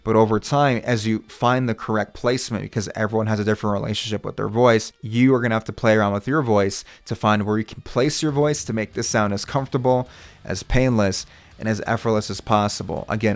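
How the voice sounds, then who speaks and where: A man's voice: lowish voice, a little fast, creaky. A man working as a vocal coach, explaining technique step by step in a reassuring, instructional way. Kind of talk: instructional video talk.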